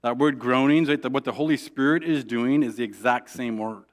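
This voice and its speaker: A male pastor preaching a sermon in a conversational way, often asking "right?" and restarting his sentences. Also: mid-range voice. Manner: acts out quoted prayers in a soft, hushed voice; halting restarts and repeated words.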